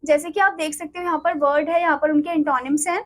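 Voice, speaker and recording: A woman teacher reading word lists to students, speaking slowly and explaining quickly in Hindi. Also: sits high, fairly even intonation, rough recording. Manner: slow deliberate English, quick Hindi explanations.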